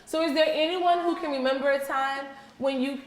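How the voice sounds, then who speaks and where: A preschool teacher reads aloud to young children in an indoor classroom, her high-sitting voice fairly even in intonation and moderate in pace. She patiently prompts them with questions and repeats their answers, while the echoey room carries faint background noise.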